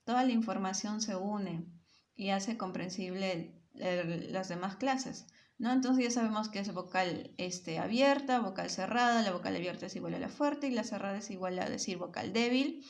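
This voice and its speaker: A woman's voice: medium pitch, normal speed. A woman teacher giving a grammar lesson to children, often checking in with short tag questions and sounding words out syllable by syllable.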